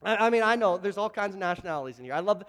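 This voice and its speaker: A man preaching a sermon, telling lively anecdotes and often repeating words as he restarts his sentences. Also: high voice, rapid-fire, in a large hall. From Canada, Toronto. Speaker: pastor. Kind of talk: storytelling sermon.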